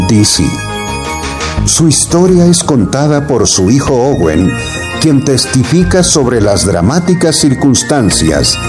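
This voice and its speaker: A man delivering a dramatic scripted introduction as the narrator of a program. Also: medium pitch. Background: music.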